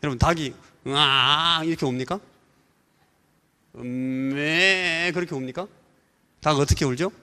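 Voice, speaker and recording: Korean pastor preaching in a reverberant church. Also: male voice, on the high side, racing. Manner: animated storytelling, imitating rooster crows and voices. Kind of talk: sermon. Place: church sanctuary.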